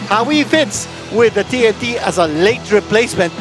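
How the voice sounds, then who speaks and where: A man's voice: high voice, lively intonation, moderate pace, music in the background. A man with a Filipino accent giving live basketball analysis and commentary. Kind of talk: live sports commentary, mixing English and Tagalog.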